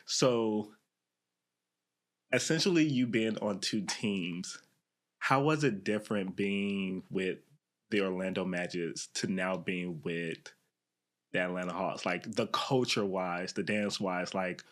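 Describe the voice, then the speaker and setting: A man hosting a casual podcast interview, asking relaxed questions and encouraging his guest. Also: deep voice, measured pace. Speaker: podcast host.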